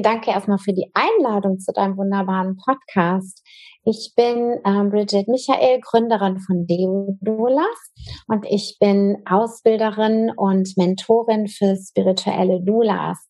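A woman's voice: mid-range voice, unhurried, darkish tone. A woman guest in an interview, talking casually and thoughtfully about her work as a trainer, with frequent fillers and restarts. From Germany.

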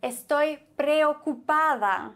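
A young woman teaching Spanish vocabulary in a slow, deliberate way, repeating each word and giving its meaning. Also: high voice, fairly bright tone. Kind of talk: slow, clearly spoken vocabulary lesson.

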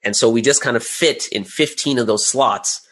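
His voice sits in the mid range, a bit bright, at normal speed. The man is being interviewed as a creator, laying out his process step by step in a conversational style and posing rhetorical questions throughout.

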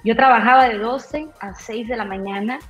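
A woman radio announcer telling her story in an interview, bold and lively, acting out the voices of people she quotes. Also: fairly high pitch, moderate pace. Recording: roomy echo, dull lo-fi sound, faint music.

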